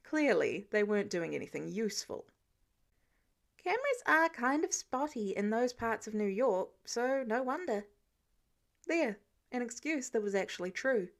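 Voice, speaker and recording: Woman narrator for fan fiction audiobook, lively pitch, expressive read. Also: moderate pace, vocal fry. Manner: expressive, animated storytelling. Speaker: podfic reader.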